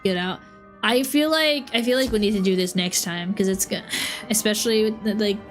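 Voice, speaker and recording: Over soft background music, a young woman streamer chats at home in a mid-range voice that runs a little fast. She's under the weather with a cold, sniffling as she rambles, giggles and cuts herself off.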